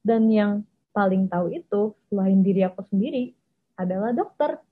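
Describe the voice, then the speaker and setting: A woman's voice: mid-range voice, lively intonation, moderate pace, husky. A young woman candidly telling her personal story in a casual way, often mixing English phrases into her talk. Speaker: vlogger. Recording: tinny phone-like audio.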